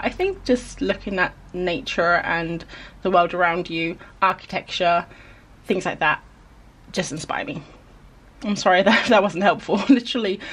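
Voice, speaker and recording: A woman's voice: on the low side, slightly rough. A young woman chatting casually in a vlog voice-over, rambling and self-deprecating as she answers viewer questions.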